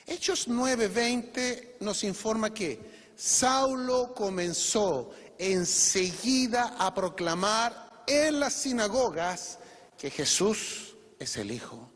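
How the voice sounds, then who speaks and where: A man's voice: high voice, expressive, slow, fairly bright tone. A male pastor preaching a sermon to his congregation, pressing home his points with rhetorical questions. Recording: long reverb of a church hall.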